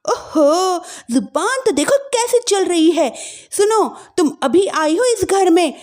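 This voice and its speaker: Woman acting a high, bossy young sister-in-law. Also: sing-song, normal speed, exaggerated voice. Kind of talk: acted family-drama storytelling.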